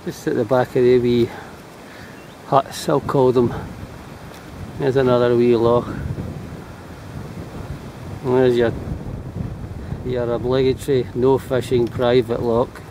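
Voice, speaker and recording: A man with a Scottish accent narrating a walk casually, thinking aloud in a low-key way as he records outdoors. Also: little pitch movement, slow, long pauses, background noise. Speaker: walking vlogger. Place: outdoors on a walking trail.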